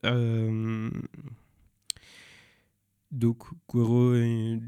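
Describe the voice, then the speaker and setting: Slow, halting man searching for words. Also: mid-range voice, completely flat delivery, mellow, clear, resonant tone, no room sound. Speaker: film presenter. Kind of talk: informal spoken film recommendations.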